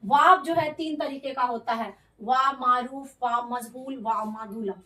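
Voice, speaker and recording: Female tutor, high register, patient and repetitive explainer; recorded off-mic in an echoey room. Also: a little slow, sharp tone, far from the mic. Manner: explains patiently, repeats terms, asks and answers her own questions. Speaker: Urdu grammar teacher. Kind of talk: classroom-style grammar lesson.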